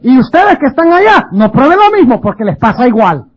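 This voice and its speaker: A man acting out an old king who mourns his lost son, in a very high voice. The recording is muffled and lo-fi, like an old sermon tape. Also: sing-song, fairly quick, heavily acted. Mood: scornful. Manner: first scornful, then tearful. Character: grieving old king, father of a rebel son.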